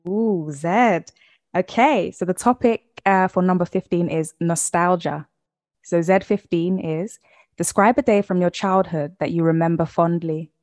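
A woman's voice: fairly low pitch, fairly even intonation, unhurried, darkish tone. Woman, 30s, podcast host, playful quiz-style questions, casual chat.

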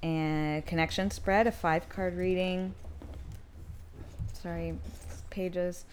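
A young woman with a lowish voice co-hosts a casual podcast. She reads guidebook instructions aloud and drops chatty asides between them, laughing easily. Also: steady tone, slow, a little hiss or hum. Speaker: podcast co-host.

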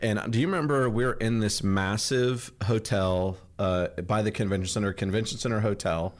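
A man's voice: fairly low pitch, normal speed. A man hosting a podcast from his kitchen, chatting and telling stories in a rambling way. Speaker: podcast host. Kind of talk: casual chat. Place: home kitchen.

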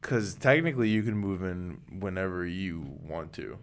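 A man's voice: low-pitched, animated, normal speed. A man co-hosting a casual podcast, earnestly laying out his opinions. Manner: earnest, opinionated, lays out arguments. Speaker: podcast co-host.

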